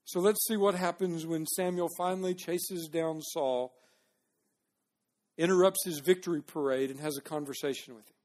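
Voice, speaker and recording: A male pastor preaching a sermon, acting out voices from the text and swinging between loud and soft. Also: fairly high pitch, fairly even intonation, moderate pace.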